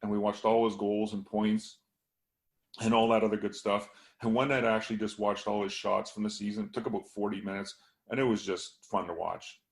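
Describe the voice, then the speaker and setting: Speaking briskly in a fairly low, rather flat voice, a man breaks down hockey like a scout on a laid-back podcast. His voice is slightly hoarse from fading, and fillers crop up constantly.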